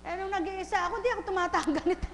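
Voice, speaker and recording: A woman's voice: very high voice, fairly even intonation, racing, fairly bright tone, big-room sound, a little hiss or hum. A woman faith healer at a live healing session, teasing and questioning a patient with short, repeated questions.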